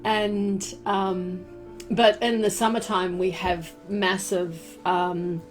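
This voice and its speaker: A woman with a New Zealand accent hosting a casual live stream from home, rambling warmly with many fillers and lots of "fabulous" and "beautiful". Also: mid-range voice, flat delivery, slow pace, soft background music. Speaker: crystal and essential oil live-stream host. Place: home room. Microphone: desk microphone she turns around.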